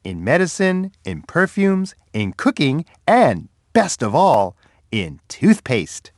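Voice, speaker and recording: A man voicing a big friendly bear who cheerfully guides children through an edutainment game, encouraging them with expressive, playful reactions. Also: fairly high pitch, slow pace, no echo, clean studio sound, full character voice. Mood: curious, delighted. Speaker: children's game character and storyteller.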